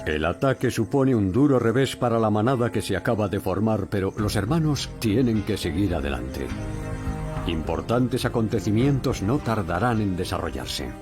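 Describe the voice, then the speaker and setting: Low-voiced male nature documentary narrator. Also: expressive, normal speed. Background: background music.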